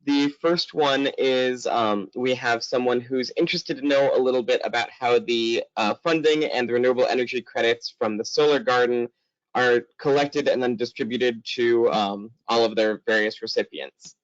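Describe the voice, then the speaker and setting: A man's voice: medium pitch, steady tone, moderate pace, no echo. Man moderating a webinar, dry muffled sound. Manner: friendly, reads audience questions. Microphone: video call.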